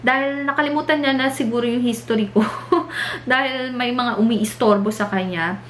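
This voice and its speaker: A young woman from the Philippines chats through a casual vlog story with a Filipino accent, slipping between Tagalog and English. Her voice sits a little high and she laughs often. Faint room ambience hums behind her. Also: moderate pace, fairly bright tone, roomy sound, a little hiss or hum. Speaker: vlogger.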